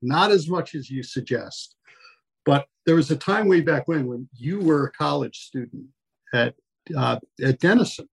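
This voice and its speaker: Male podcast co-host, wry and teasing, gravelly husky voice. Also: a little high, lively intonation, unhurried. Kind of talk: casual podcast interview.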